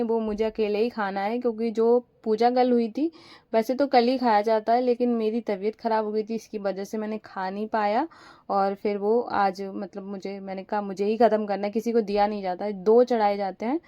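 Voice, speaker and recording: Sick with a fever and feeling weak, this young female home vlogger talks through her chores in a rambling, chatty way, dropping fillers often. She speaks at normal speed with a medium pitch and steady tone, captured in a dry, muffled recording.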